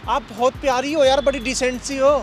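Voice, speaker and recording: A man's voice: extremely high pitch, fairly even intonation, brisk. A young man pranking a stranger outdoors, teasing her and reciting playful love couplets. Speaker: prankster host. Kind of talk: street prank banter. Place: outdoors in a park. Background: background music.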